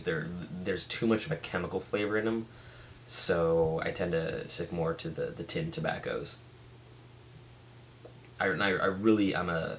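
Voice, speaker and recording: A man giving a casual, rambling product review as a vlog reviewer, speaking haltingly and often restarting his sentences. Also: sits low, slight background noise. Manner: halting, with many restarts and trailing thoughts. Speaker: pipe tobacco reviewer.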